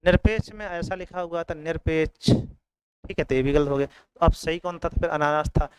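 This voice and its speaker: A man's voice: on the high side, steady tone, moderate pace, smooth, no room sound, rough recording. A man teaching an exam coaching lesson, repeating each word and often checking in with his students.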